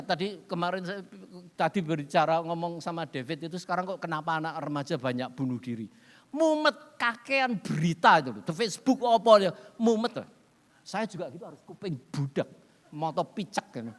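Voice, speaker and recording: Lively man preaching. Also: fairly high pitch, a little fast. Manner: humorous storytelling, laughing often, with English phrases. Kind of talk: sermon. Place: church hall. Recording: reverberant hall sound.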